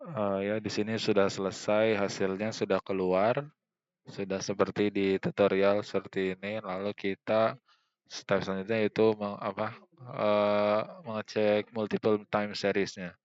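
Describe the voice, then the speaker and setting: Slow, hesitant young man, flat delivery. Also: fairly low pitch, clean tone, dry recording, muffled recording. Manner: hesitant, many fillers, thinking aloud while clicking. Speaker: student presenting a tutorial. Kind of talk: screen-recorded software tutorial.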